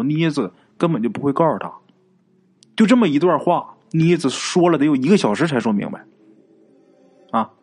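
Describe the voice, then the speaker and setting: A man's voice: mid-range voice, a little mellow. Casual male ghost-story teller. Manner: colloquial, full of filler particles and asides.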